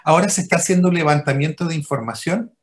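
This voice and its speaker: This Chilean doctor, appearing as an interview guest on a video call, talks fast in a voice on the high side. He patiently explains his work and often checks in with his listener.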